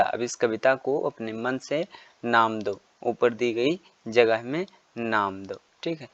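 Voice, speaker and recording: Slow-spoken man teaching young children. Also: medium pitch, no room sound. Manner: slow, repetitive reading with frequent filler checks. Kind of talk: children's textbook lesson. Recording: dull, lo-fi and dry.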